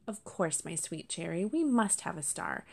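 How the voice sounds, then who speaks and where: A woman voicing a gentle, weary father fox who carries the mail, in a storybook reading, speaking softly to his children. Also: on the low side, sing-song, normal speed, creaky, full character voice.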